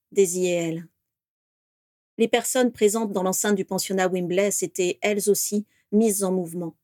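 A woman narrating a fantasy story in a steady, expressive reading voice. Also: mid-range voice, no room sound, studio quality. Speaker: audiobook narrator. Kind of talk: scripted narration.

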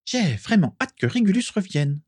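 A man voicing a whiny, easily offended ghost schoolgirl with a squeaky, sing-song voice. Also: very animated, moderate pace, darkish tone, no echo, clean studio sound. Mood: sing-song teasing.

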